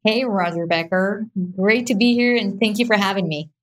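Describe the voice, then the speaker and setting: A woman's voice: medium pitch, moderate pace. A young woman from Israel, talking casually as an interview guest with many fillers and restarts. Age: young adult. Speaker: real estate investor and guest. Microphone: video call.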